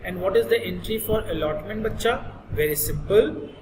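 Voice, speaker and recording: A man's voice: high voice, moderate pace. A man with an Indian accent and native Hindi, teaching in an instructive, repetitive explanatory style and often checking understanding. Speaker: accountancy teacher. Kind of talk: explanatory classroom lesson. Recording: echoey reverberant room with clear noise.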